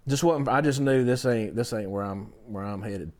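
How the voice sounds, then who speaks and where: A man's voice: medium pitch, moderate pace, darkish tone. A man in his fifties, a songwriter guest, telling stories in a rambling way full of fillers and restarts. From southern Georgia, US. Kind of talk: casual storytelling chat.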